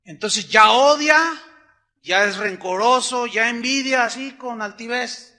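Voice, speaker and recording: A middle-aged Mexican pastor delivers a sermon in a relaxed, storytelling way. His voice sits high for a man and rings very bright. He acts out the people in his anecdotes, switching voices as he quotes them. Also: unhurried. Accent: Mexican Spanish.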